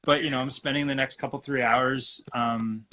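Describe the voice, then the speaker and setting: A man from Alberta, Canada, talking as a guest acupuncturist in a relaxed, rambling way over a video call. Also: medium pitch, moderate pace, a little hiss or hum. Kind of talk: casual live-stream interview.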